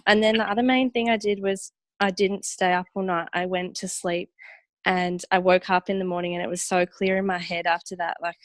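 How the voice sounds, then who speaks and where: A woman on a team video call, relaxed and a little giggly as she explains. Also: lowish voice, fairly quick, dry recording. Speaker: team member sharing on a call. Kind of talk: casual chat.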